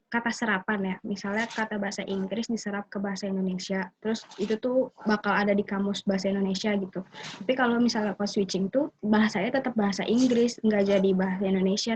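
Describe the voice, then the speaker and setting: A woman's voice: medium pitch, a little mellow, slightly rough, dull audio. A young woman presenting to a class in a casual, hesitant way with many fillers. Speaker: student presenter.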